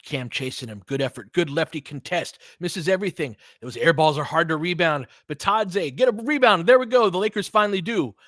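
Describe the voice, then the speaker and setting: Speaking on the high side with lively intonation, a man talks a little fast with few pauses, his tone fairly bright in a dry, studio-quality recording. It's live basketball play-by-play from a fan's perspective: clipped, fragmentary calls and open support for his team.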